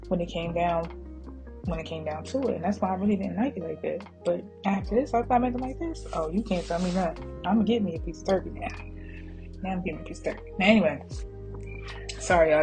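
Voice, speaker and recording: A woman's voice: on the low side, rough recording. A woman narrating her own cooking video as a casual voice-over, chatty and rambling, often drifting into side stories and talking straight to her viewers. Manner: laughs easily, addresses viewers as y'all. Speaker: home cooking vlogger. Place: voice-over added to kitchen footage. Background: background music.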